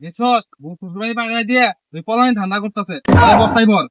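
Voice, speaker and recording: A man's voice: sits high, noisy background. A man with a rural Bangladeshi Bengali dialect, playing a greedy, blustering village moneylender in a comedy skit. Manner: greedy, blustering, fast-talking.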